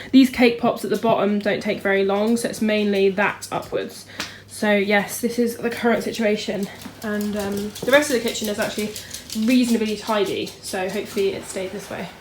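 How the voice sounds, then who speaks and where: A woman's voice: mid-range voice, steady tone, brisk, hardly any pauses, slight background noise. A young woman giving a casual, chatty vlog walkthrough of her home kitchen on a handheld camera, with lots of ums. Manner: chatty, filler-heavy, showing things as she goes. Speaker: home baker and vlogger.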